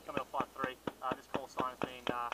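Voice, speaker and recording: A man calling in over a helmet radio, in clipped military radio procedure, rushed and businesslike. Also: mid-range voice, monotone, distant mic, a crowd in the background, rough recording.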